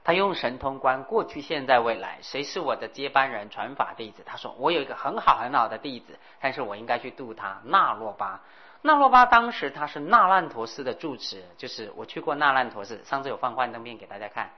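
Low-voiced woman giving a lively dharma talk. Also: brisk, few pauses. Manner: animated storytelling, acting out dialogue. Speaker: Buddhist teacher. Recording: dull lo-fi recording.

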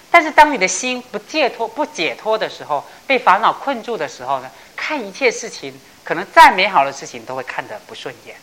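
Woman teacher telling a Buddhist parable, bright and expressive, lowish voice that swings a lot. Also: poor audio. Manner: animated storytelling with laughs, acting out characters; slows down to stress key phrases. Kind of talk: dharma talk storytelling.

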